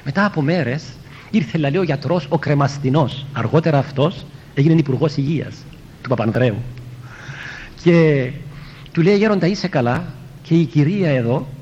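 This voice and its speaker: A man's voice: expressive, darkish tone. A priest tells a story as a homily, acting out the quoted speakers and repeating "he tells me" again and again. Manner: retells a story, quoting others and repeating "he tells me". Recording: muffled lo-fi with faint rumble.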